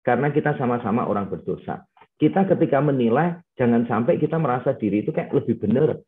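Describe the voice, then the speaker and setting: A man's voice: medium pitch, animated, quick pace. A middle-aged male pastor giving a casual teaching talk in a webinar, chatty and sprinkled with English phrases. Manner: conversational, mixes in English phrases, frequent "gitu" fillers. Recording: tinny phone-like webinar audio.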